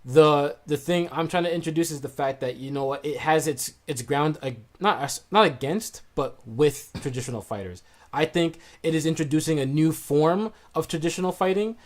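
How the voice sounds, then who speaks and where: A man's voice: a little high, normal speed. Earnest man arguing his point. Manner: earnest, argumentative, restarts to make a point. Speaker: podcast panelist. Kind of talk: casual debate.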